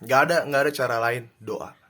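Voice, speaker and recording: Bright-voiced man giving calm advice. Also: medium pitch, fairly quick. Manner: calm, reflective, many fillers and restarts. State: married. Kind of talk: casual advice talk.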